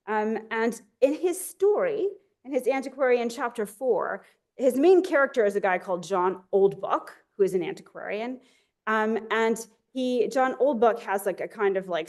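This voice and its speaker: A woman's voice: medium pitch, a little mellow. A woman lecturer giving an academic talk with enthusiasm, often correcting herself mid-sentence. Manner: enthusiastic, with frequent self-corrections.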